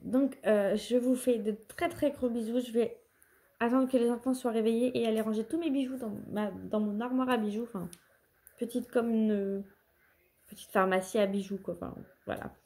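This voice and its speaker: Chatty woman vlogger with a warm voice. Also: fairly high pitch, fairly even intonation, moderate pace. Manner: chatty, rambling with self-corrections. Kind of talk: casual haul vlog.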